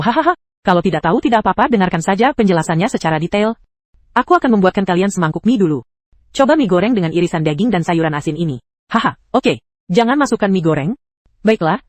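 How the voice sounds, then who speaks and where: Fast, lively synthetic female narrator. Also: medium pitch, no room sound. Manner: reads every character's lines in the same voice. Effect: synthetic text-to-speech voice. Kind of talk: AI-voiced anime recap narration.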